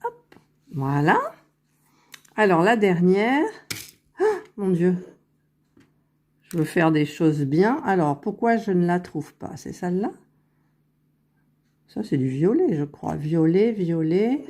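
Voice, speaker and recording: Slow, mellow-voiced woman crafting aloud. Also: lowish voice, lively intonation. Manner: unhurried, thinking aloud while working, self-correcting. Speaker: crafting vlogger. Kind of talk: casual crafting tutorial. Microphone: phone held very close to the face.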